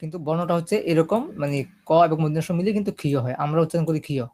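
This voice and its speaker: A man teaching a screen-recorded typing lesson, explaining each step slowly and checking that his listeners are following. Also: fairly high pitch, mellow. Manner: explains step by step, often checking "ঠিক আছে?". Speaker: computer typing instructor.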